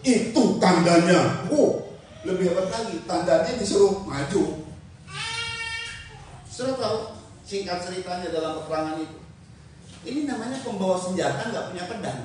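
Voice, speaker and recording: A man who is a pastor preaching a sermon, animated and calling out responses as scripture is read. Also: on the high side. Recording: echoey hall from far off, faint noise.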